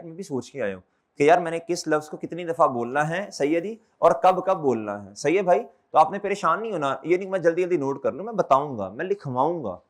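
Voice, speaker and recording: Brief: male lecturer with a high voice, drilling students with repeated questions. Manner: calls students brother and children. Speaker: accountancy teacher. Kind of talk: classroom lecture.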